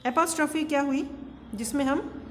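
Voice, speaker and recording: A woman's voice: sits high, moderate pace, big-room sound, a little hiss or hum. A woman lecturer with an Indian English accent explaining to her class in Hindi and English, asking questions and answering them herself. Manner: explains step by step, asks and answers own questions.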